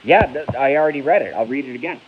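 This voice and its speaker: Quick and animated, a thirties-aged streamer from Massachusetts rants live on YouTube in a mid-range voice. His talk is casual, rambling, and full of profanity and self-corrections, recorded in dull lo-fi with faint hiss.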